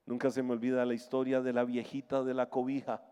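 A male pastor preaching a sermon in a church, telling stories emphatically and swinging from hushed to loud. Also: medium pitch, completely flat delivery, fast, clear, resonant tone. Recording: long hall reverb, faint music.

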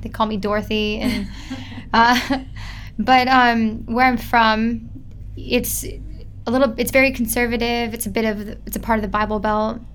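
A woman's voice: fairly high pitch, steady tone, measured pace, fairly bright tone, clear, resonant tone. A young woman, chatting casually as an interview guest and filling her talk with "like". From Midwest United States. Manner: chatty, lots of filler "like".

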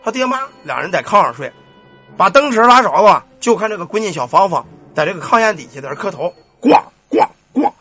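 A man's voice: sits high, sing-song, fast talker, a bit bright, husky, soft background music. A man telling a village ghost story in a colloquial, earthy way, with casual cursing and sound effects. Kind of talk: spoken ghost-story narration.

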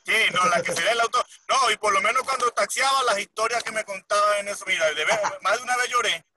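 A Venezuelan man in a casual chat with friends, emphatic and swearing freely, heard from a distant mic with loud noise. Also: high voice, quick pace. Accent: Venezuelan Spanish.

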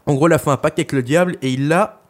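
A man's voice: on the high side, rapid-fire. Young guy rambling about songs, lots of euh, swears for laughs. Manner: joking, crude, rambling with many fillers. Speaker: podcast co-host reviewing an album. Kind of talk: casual chat.

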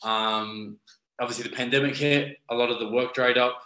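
A man with a New Zealand accent talks casually in an interview. His voice is bright and sharp with a clearly echoey room around it. He rambles, repeating phrases as he thinks. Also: medium pitch, steady tone, moderate pace. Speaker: interview guest, professional wrestler.

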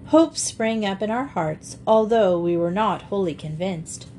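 A woman reads a classic children's storybook aloud at a mid pitch, steady and expressive. Her narration flows evenly between the characters' lines. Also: unhurried, slight background noise. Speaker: audiobook narrator.

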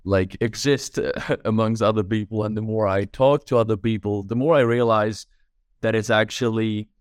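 A man's lowish, clear, resonant voice moves at a moderate pace in a dry, clean studio recording. He is a young Czech filmmaker in his twenties, from the Czech Republic, appearing as a podcast guest. The interview chat is casual, and he sounds relaxed and thoughtful, with frequent fillers like "like" and "right?".

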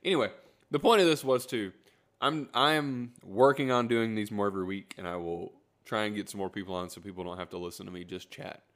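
A man's voice: lowish voice, brisk, a bit bright. A man hosting his own podcast, talking alone in a rambling, self-correcting, self-deprecating way. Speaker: podcast host. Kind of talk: solo rant, casual monologue.

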